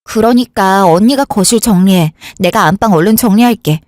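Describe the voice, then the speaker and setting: A woman voicing a breezy, offhand younger sister in a radio drama who talks briskly and brushes things off. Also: mid-range voice, a little mellow, no room sound, studio quality, natural voice. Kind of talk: Korean radio drama acting.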